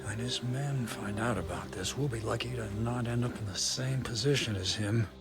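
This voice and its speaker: A man's voice: medium pitch, normal speed, music in the background, lightly acted. An actor voicing a brash, foul-mouthed young nobleman in a video game, mocking and crude. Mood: alarmed. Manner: lively storyteller, mocking and crude.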